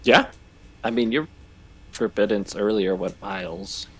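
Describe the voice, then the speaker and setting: A man's voice: on the low side, a little slow, slightly rough. Laid-back male game master. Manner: relaxed, laughs often, hesitant fillers. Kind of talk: narrating a tabletop game.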